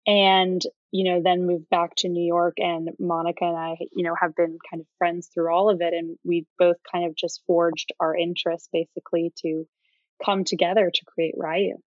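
A woman's voice: fairly low pitch, little pitch movement, normal speed, no room sound, highs cut off. An American woman co-founder answering interview questions casually, with lots of filler words. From United States. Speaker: company co-founder.

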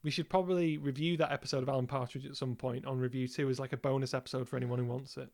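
Gravelly-voiced man, dry and sardonic. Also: medium pitch, steady tone, racing, darkish tone. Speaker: podcast co-host. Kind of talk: casual chat.

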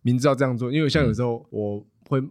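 A man with a mid-pitched voice who talks quickly, jokes about himself and stops to find his words. The sound is dry and close-miked. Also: darkish tone, dry recording. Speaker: podcast co-host. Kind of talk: casual chat.

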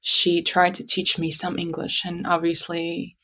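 Woman with a lower-pitched voice, reflecting aloud. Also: completely flat delivery, fairly bright tone, slightly rough. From Kazakhstan. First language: Russian. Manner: halting, reflective, thinking aloud. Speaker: interview guest. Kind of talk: conversational personal storytelling.

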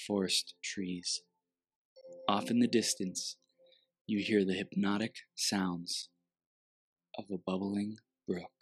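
A man leading a guided meditation with a soothing delivery and long pauses, speaking softly as if right in your ear. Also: lowish voice, slightly rough, no room sound.

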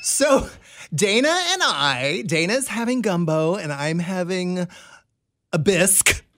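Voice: mid-range voice, expressive, slow, fairly bright tone. A radio co-host telling a story in casual banter, theatrical and wry.

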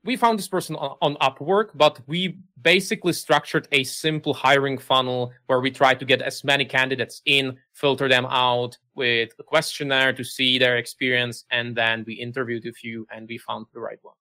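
Bright-voiced man. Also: medium pitch, little pitch movement, normal speed, few pauses. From Czech Republic. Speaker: guest, business owner. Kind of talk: interview answers.

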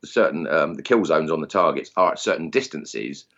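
Deep-voiced, animated Essex man. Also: normal speed, muffled recording. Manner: self-deprecating, jokey. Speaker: interview guest, target shooting instructor. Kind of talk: casual chat.

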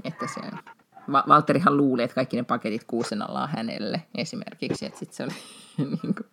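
A woman's voice: a bass voice, creaky, fairly bright tone, slight background noise. A woman hosting a podcast, chatting casually and laughing often, with frequent restarts. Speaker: podcast host.

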